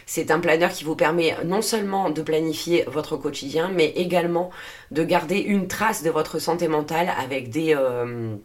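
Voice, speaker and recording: A woman with a notably low-pitched voice talks alone into the mic for her podcast. She explains steadily and earnestly, pausing on fillers and correcting herself mid-word. Her throat sounds a little dry. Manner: earnest, steady delivery with frequent "euh" fillers and self-corrections. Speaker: podcast host and naturopathy coach. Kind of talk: solo podcast explainer, partly read.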